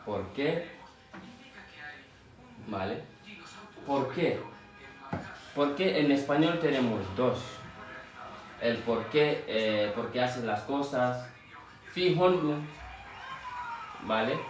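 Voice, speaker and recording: Slow-talking man teaching Fula, echoey room. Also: medium pitch, expressive. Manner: slow, repeats words and asks "¿vale?" often. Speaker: language teacher. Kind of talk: language lesson. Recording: very echoey room, mic at a distance, music behind. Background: background music.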